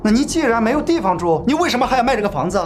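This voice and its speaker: A stern, fast-talking court officer. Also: female voice, a little high, big pitch swings, slight background noise. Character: firm woman court officer, stern and lecturing.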